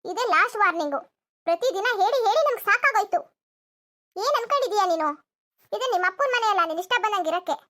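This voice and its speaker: A woman's voice: extremely high pitch, expressive, quick pace, fairly bright tone. A woman voicing a bossy, scolding mother-in-law in a cartoon comedy, nagging and threatening.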